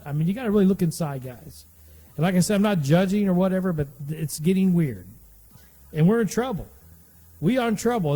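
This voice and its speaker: A man's voice: fairly high pitch, warm tone, long reverb tail. Rambling fifty-something man on a podcast. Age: 50s. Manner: rambling, repetitive, folksy. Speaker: podcast host. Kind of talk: casual monologue podcast.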